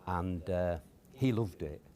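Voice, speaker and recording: A man, a guest telling stories from his upbringing in a relaxed, hesitant way with many fillers. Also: sits low, slow pace. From Cottingham, near Hull, England. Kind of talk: casual storytelling interview.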